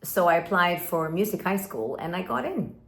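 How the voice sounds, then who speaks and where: A Swedish relationship coach in her fifties, with an American-influenced English accent, speaks earnestly and emphatically to camera, acting out inner voices. Her lowish voice is animated and a bit bright at a moderate pace, with a roomy echo.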